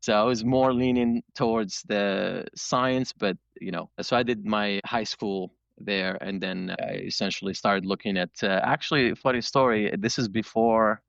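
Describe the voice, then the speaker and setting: Male interview guest from Morocco, gravelly, casual, rambling storyteller. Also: lowish voice, moderate pace, few pauses, no room sound, highs cut off. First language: Moroccan Arabic or French, not English. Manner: relaxed storytelling, frequent fillers. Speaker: guest, startup founder. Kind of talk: conversational interview.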